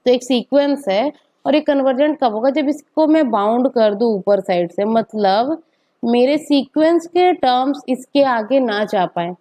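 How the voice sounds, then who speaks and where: A woman's voice: sits high, measured pace, mellow. A woman teacher gives a step-by-step maths lecture, often asking rhetorical questions and checking in with "okay".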